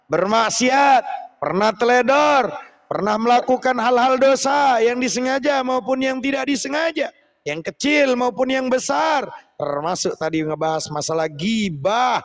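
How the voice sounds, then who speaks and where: A man preaching a lively sermon, acting out prayers and chanting Arabic phrases slowly. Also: extremely high pitch. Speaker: Islamic preacher.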